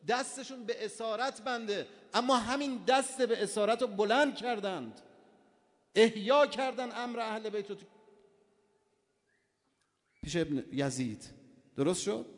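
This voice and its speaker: A man preaching with fervour in a raised, high voice, sinking to near murmurs and then surging back up. His words carry a long reverb from a large prayer hall. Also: long pauses. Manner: impassioned, swings between hushed and loud. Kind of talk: sermon.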